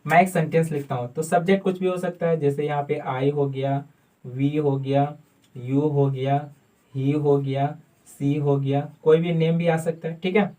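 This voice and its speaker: A man teaches a grammar lesson from a board, his voice a little higher than most men's. He works step by step, asks and answers his own questions, and spells words out letter by letter. He stands some way from the microphone, so the sound is distant. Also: flat delivery, a little slow, mellow. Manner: calls the viewer "my friend". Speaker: English teacher.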